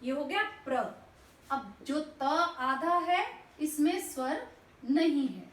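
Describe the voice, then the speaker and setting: A woman teacher slowly and patiently spelling out words sound by sound, asking and answering her own questions. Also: high-pitched, lively intonation, a bit bright, far from the mic. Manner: slow, patient, spells out each sound step by step. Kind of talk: classroom lesson explaining spelling. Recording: echoey room, voice off-mic, faint background noise.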